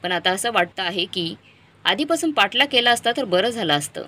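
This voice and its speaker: Lady doing a hurt pleading mom, upset wife, bright voice. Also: medium pitch, expressive, brisk. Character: hurt, pleading middle-aged wife and mother.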